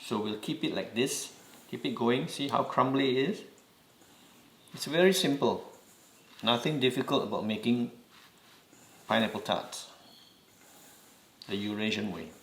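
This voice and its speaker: Slow Singaporean man in an echoey kitchen. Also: mid-range voice, vocal fry, a bit bright, a little hiss or hum. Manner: slow, patient instructions with repeated reminders. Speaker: home cooking host. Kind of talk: step-by-step cooking demonstration.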